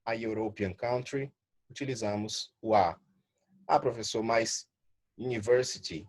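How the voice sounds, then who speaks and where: A man with a slightly husky voice gives a recorded grammar lesson. He speaks at a middling pitch. He reads each English example slowly and then explains it patiently in his native Portuguese. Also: a little mellow. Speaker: English teacher.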